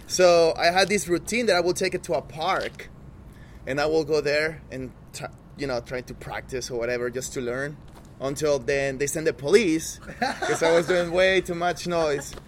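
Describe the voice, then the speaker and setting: A man tells chatty, animated stories in a fairly high voice. Faint traffic drifts in from outdoors behind him. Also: normal speed. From El Salvador. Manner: animated, chatty anecdote-telling. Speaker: drummer. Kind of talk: casual storytelling.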